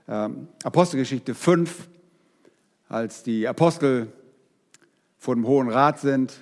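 A man preaching a sermon, speaking straight to his congregation in a lively way. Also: mid-range voice, long reverb tail. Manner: lively, addresses the congregation directly.

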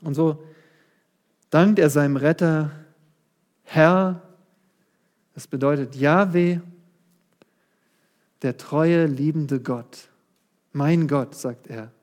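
Reading a psalm during his sermon, this man speaks slowly with frequent pauses, his fairly high, darkish voice showing lively intonation. He addresses the congregation directly and lifts his voice on important words.

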